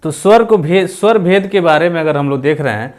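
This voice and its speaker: A man's voice: fairly high pitch, lively intonation, fairly quick, a little mellow. Man teaching exam grammar. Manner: explanatory, repeats himself, demonstrates vowel sounds aloud. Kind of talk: exam-prep lecture.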